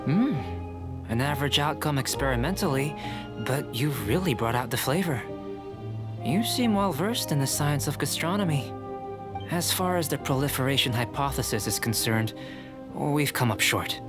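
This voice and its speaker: A man voicing a calm, courteous alchemist researcher in a video game, speaking in a measured, formal, articulate way. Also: mid-range voice, music in the background, close to an everyday voice.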